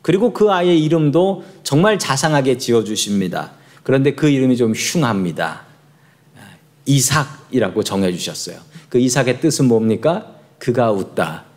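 A man preaching a sermon as a pastor, telling the story with lively, conversational delivery and acting out the figures. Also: mid-range voice, normal speed. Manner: lively storytelling, acts out voices of biblical figures.

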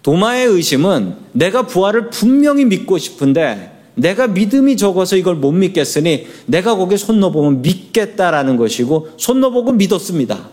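A man's voice: high-pitched, big pitch swings, brisk, few pauses, a little mellow. A middle-aged man preaching a sermon as pastor, leading the congregation in responses and telling light anecdotes. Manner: leads congregation in responses, tells humorous anecdotes.

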